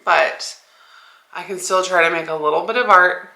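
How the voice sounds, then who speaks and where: A woman's voice: fairly low pitch, moderate pace, gravelly, sharp tone, echoey room. A young woman talking casually to her camera in a vlog, rambling with many "like" fillers. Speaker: vlogger. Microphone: small 360 camera.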